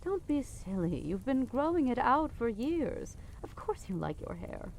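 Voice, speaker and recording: In poor audio with a little hiss or hum, a woman uses a slightly high, sing-song, gravelly and slightly mellow full character voice at a measured pace. For an audio drama podcast she plays a haughty middle-aged queen and guilt-tripping mother who is dismissive, imperious and cajoling, with exasperated sighs.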